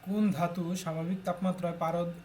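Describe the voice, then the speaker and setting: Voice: mid-range voice, flat delivery, fairly quick, mellow, a little hiss or hum. A tutor from Bangladesh steadily reading exam questions aloud and announcing each answer in turn.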